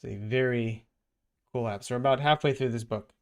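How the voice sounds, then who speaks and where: A man hosting a vlog, chatting casually and thinking out loud while he reads a comic aloud. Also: mid-range voice, a little fast. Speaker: vlog host.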